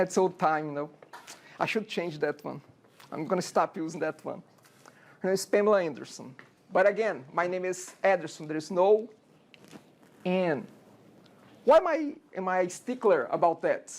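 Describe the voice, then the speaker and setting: In a university classroom, a Brazilian programming instructor in his forties lectures casually, often asking "okay?" and posing rhetorical questions. He has a Brazilian accent and a high-pitched voice with a darkish tone.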